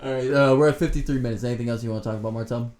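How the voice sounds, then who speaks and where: A man's voice: mid-range voice, fairly even intonation, rapid-fire, a little mellow. A young man co-hosting a casual podcast, telling crude, rambling stories with lots of laughter. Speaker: podcast co-host.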